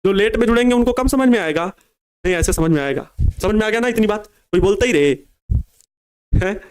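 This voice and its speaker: A young man teaching physics in a board exam crash course, repeating key phrases slowly for students to write down and coaxing them with casual asides. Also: high voice, expressive, a little mellow, smooth. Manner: casual asides calling students babua and babu.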